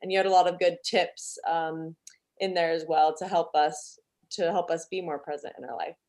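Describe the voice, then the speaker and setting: A woman's voice: lowish voice, level tone, moderate pace, a little mellow. A woman hosting a podcast, introducing and thanking her guest in a friendly, casual way. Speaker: podcast host.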